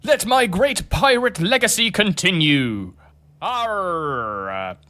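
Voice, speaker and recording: A man voicing a cheerful, naive gentleman pirate captain who talks eagerly and stammers, with music behind. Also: sits high, sing-song, slow, dry recording, heavily acted. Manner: eager and hesitant, with stammering fillers. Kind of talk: comedic history video voice acting. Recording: music in the background.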